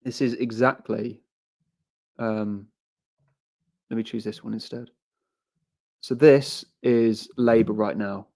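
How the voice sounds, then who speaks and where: This livestream host speaks in a lowish, warm, creaky voice with fairly even intonation, moving slowly and leaving long pauses. His casual commentary wanders, he reads out viewer comments, and he keeps repeating phrases and starting over.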